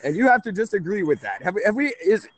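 This thirty-something man runs a relaxed call-in radio show, and he rambles, laughs a little and keeps correcting himself. His voice sits high, very animated, and he talks quickly.

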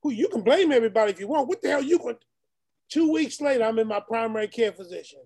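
A man's voice: very high voice, animated, quick pace, darkish tone. A man, a deacon, telling a personal testimony to an online meeting in an earnest storytelling way, talking straight to the group.

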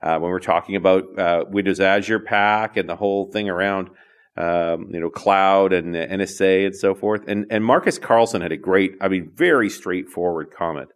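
A man with a fairly low voice co-hosts a technology podcast in an easygoing way. He chats casually, reacts quickly, and laughs easily. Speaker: podcast co-host. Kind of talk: casual chat.

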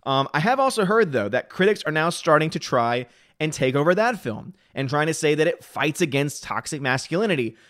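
A man's voice: a little high, big pitch swings, fairly bright tone, no echo, clean studio sound. A man hosting a live stream, chatting casually and answering viewers' chat comments. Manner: talks fast, reads and answers chat comments.

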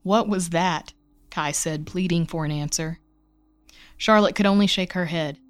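A woman reading a horror short story aloud with measured, suspenseful narration. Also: on the low side, clear, resonant tone.

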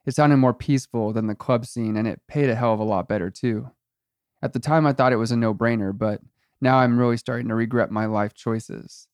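A man's voice: medium pitch, fairly even intonation, a little fast, a little mellow, no echo. A man narrating a first-person story in a wry, dry tone.

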